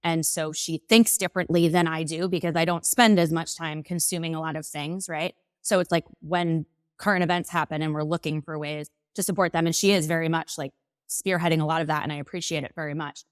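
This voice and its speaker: Measured woman business co-owner. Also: sits low, fairly even intonation, clean tone, dry recording. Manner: measured, reflective, many "you know" and "right?". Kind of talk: casual conversational interview.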